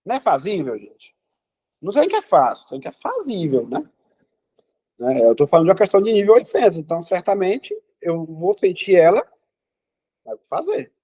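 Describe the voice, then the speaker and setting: A man's voice: high-pitched, sing-song, brisk, mellow, breathy edge. A man teaching a math class in a classroom, talking students through problems and asking them questions.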